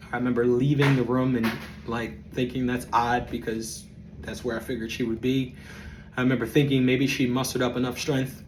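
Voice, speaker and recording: A man in his thirties tells a personal story as host of his own podcast. He speaks at an ordinary middle pitch, pausing often on ums. A faint hiss sits under his voice. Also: darkish tone, low-quality recording. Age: 30s. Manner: reflective, halting, many ums.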